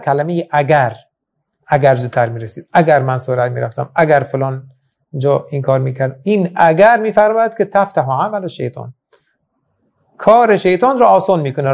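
A man's voice: fairly high pitch, gravelly, a little mellow. A man teaching a Quran lesson in an emphatic manner, with many rhetorical questions. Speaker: religious teacher. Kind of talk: Quran lecture.

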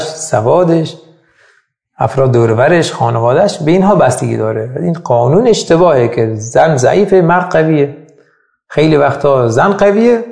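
A man's voice: mid-range voice, vocal fry, darkish tone, reverberant. A man teaching as a Quran teacher, explaining patiently and thoughtfully with examples in a religious lesson.

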